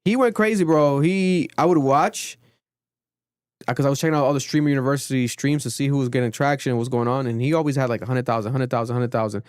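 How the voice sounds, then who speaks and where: A young man hosting a casual podcast, telling stories in an animated way and acting out what other people said. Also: mid-range voice, fast talker, clean tone, no echo, clean studio sound. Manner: animated storytelling, acts out quotes. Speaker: podcast host.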